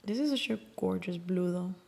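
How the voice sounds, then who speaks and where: A woman's voice: on the low side, normal speed, creaky, dark tone. Chatty woman swatching nail polish. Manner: chatty, swears casually, sometimes drops to a whisper. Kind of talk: casual swatching chat. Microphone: close mic.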